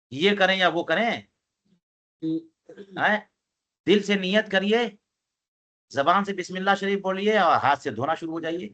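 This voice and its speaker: A man with a somewhat high voice teaching a classical religious text. He reads Arabic passages aloud and explains them line by line, stopping often to put questions to his students. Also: fairly bright tone.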